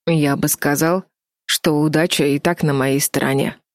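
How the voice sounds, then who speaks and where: Lady reading as a mean sneery guy, low dark voice, slow and mocking, storybook villain. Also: fairly even intonation, no room sound, studio quality. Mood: sneering. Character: cold sneering menacing young man. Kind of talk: audiobook character voice.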